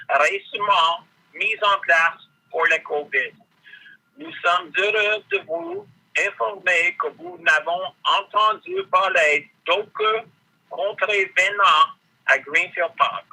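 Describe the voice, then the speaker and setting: Male councillor dialed in on speakerphone; reads a prepared statement formally; very bright, cutting tone, slightly high voice. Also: low-quality recording. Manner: formal, measured delivery of a written text. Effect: heard over a speakerphone. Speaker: borough councillor.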